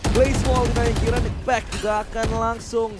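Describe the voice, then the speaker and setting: A man's voice: very high voice, flat delivery, a little slow, background noise. A man with a Jakarta Indonesian accent giving live esports commentary mixed with slangy, joking banter.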